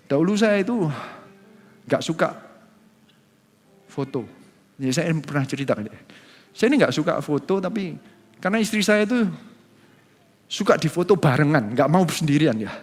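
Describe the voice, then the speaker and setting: Man, Indonesian accent, pastor preaching, fairly high voice, long church-hall reverb. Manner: conversational, acts out quoted voices, repeats words. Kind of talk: sermon.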